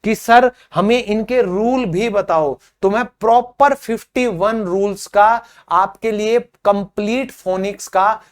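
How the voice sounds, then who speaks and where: A man with a clear, resonant, high-sitting voice gives a spoken English pronunciation lesson. He drills slowly and deliberately, saying each example word on its own before explaining it, and speaks directly to his viewers as friends, asking them to comment.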